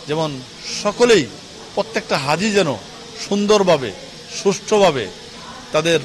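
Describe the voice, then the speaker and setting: A man's voice: fairly high pitch, fairly bright tone, slight background noise. A man with a Bangladeshi Bengali accent, a travel agency owner, explaining arrangements in an earnest, methodical news interview statement. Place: workshop venue, indoors.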